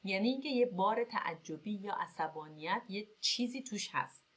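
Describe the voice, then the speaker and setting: A woman teaching English vocabulary in Persian, reading example sentences slowly and clearly, then explaining them briskly. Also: medium pitch, animated, fairly bright tone.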